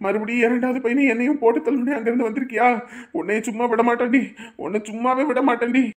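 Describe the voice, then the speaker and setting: A voice actor playing a bitter, grieving old man who shouts and scolds his returning daughter-in-law. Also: medium pitch, fairly even intonation, fast, voice pushed up, natural voice. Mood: furious.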